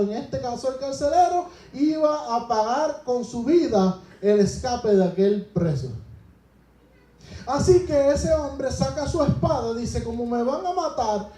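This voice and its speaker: A man's voice: very high voice, warm tone, echoey room, poor audio. A man preaching a sermon to his congregation, asking them rhetorical questions and retelling scripture as a story.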